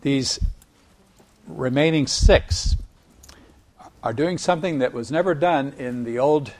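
A man preaching a sermon in a measured teaching tone. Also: medium pitch, a little mellow. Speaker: pastor.

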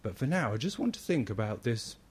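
Husky, animated man giving a children's talk. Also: mid-range voice, fairly quick. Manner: animated, acts out shouting for help.

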